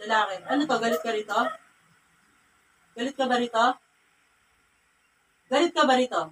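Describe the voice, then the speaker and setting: A woman faith healer with a Filipino Cagayan Valley accent, her voice a little high and her pace moderate, sternly questions and scolds over and over during a healing ritual. The mic is distant, with faint ambient noise behind her.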